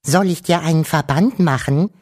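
A man's voice: fairly high pitch, moderate pace, a little mellow, voice pushed up, natural voice. A man voicing a small, caring, worried creature mother in a storybook reading, anxious and motherly.

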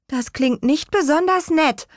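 A woman voicing an eager, curious girl in a children's audio story, pitched up from her narration. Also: a little slow, no room sound, studio quality.

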